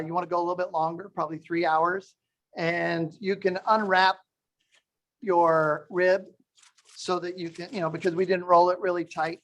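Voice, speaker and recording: A cooking instructor, a man with a high-pitched and fairly bright voice, runs a live online cooking demonstration over a video call. He walks through each step while handling the food, but the unstable internet connection makes his audio cut in and out and his volume rise and fall unevenly.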